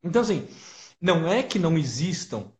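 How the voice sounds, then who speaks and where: Brazilian guest, deliberate, kinda lecturing, voice a bit high. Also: male voice, very animated, a little mellow. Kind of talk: reflective conversational explanation.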